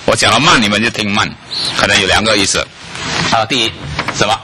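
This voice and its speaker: A man's voice: on the low side, a little fast, slight background noise. A man preaching a sermon to a congregation, often asking them questions and dropping in "ah" fillers. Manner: lively, asks the congregation questions, many "ah" fillers.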